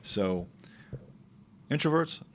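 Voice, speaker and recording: A man hosting a podcast, speaking in an easygoing, halting way with small asides. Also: mid-range voice, sing-song, a little hiss or hum. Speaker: podcast host. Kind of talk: casual conversational podcast.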